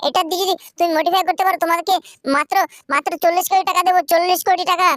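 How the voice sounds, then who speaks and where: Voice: very high voice, flat delivery, very fast, a bit bright, no echo, studio quality. A performer voicing a boastful shop owner who bargains over car jobs in a game video.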